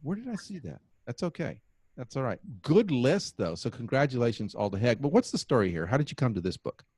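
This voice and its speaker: A man's voice: medium pitch, very animated, brisk, darkish tone, slightly rough, no echo. Playful male podcast host, dry sound. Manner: playful, jokey, asks many questions. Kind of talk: casual interview chat.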